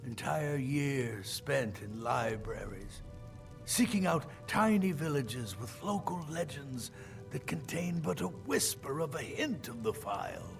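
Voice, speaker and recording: Creaky, frail old elven scholar. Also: male voice, medium pitch, lively intonation, faint music behind. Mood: wistful. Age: older. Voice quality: weak, creaky, ailing voice. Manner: slow, dramatic, weary. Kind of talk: video game character acting.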